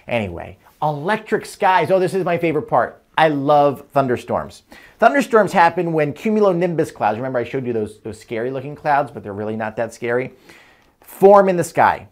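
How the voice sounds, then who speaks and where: An American man in his thirties reads aloud to young children, explaining things simply in an animated way with chatty asides. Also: fairly high pitch, fairly quick. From United States, Atlantic City area. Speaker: children's book reader and weather presenter. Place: indoor studio in front of a green screen.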